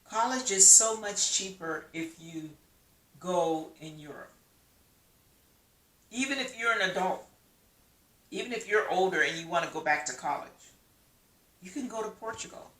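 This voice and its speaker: Encouraging woman doing a motivational vlog, bright sharp voice, roomy echo. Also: on the low side. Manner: emphatic, rhetorical questions, encouraging. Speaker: vlogger. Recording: echoey room, mic at a distance.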